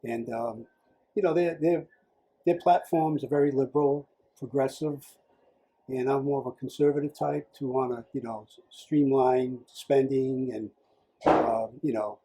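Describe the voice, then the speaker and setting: A man's voice: medium pitch, fairly even intonation, unhurried, warm tone, breathy edge, low-quality recording. A man, a political candidate telling his story in a casual interview, rambling with many fillers and restarts. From Rhode Island.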